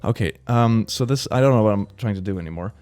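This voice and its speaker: A young man with a Swedish accent doing a mock classroom lecture in a playful, sarcastic and rambling way, with sudden bursts of excitement. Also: on the low side, fast, no echo, faint music behind. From Sweden. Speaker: streamer. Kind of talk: mock classroom lecture, casual streaming chat.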